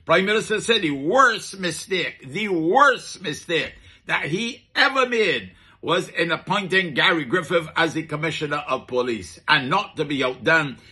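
A man's voice: a little high, lively intonation, unhurried, sharp tone, breathy edge. A middle-aged man with a Barbadian accent giving chatty comic commentary in a market vendor persona, full of rhetorical questions and dialect asides.

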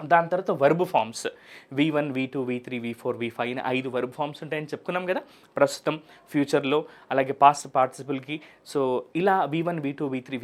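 A man with a Telugu accent teaching spoken English, asking and answering his own questions and repeating each point. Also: fairly high pitch. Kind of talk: explaining a lesson to students.

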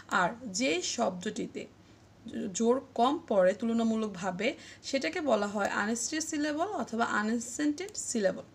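A woman teaching English literature in a video lesson, explaining slowly and drawing out example words syllable by syllable. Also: a little high, vocal fry, breathy edge. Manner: addresses viewers as friends, asks them to comment. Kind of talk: online grammar lesson.

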